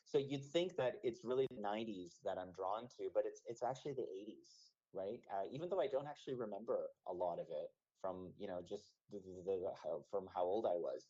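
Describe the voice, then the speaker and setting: Mellow-voiced man in his thirties, low. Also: a little fast, few pauses. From Canada. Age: 30s. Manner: thoughtful, many fillers and restarts. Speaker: musician guest. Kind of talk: radio interview. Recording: dull lo-fi radio audio.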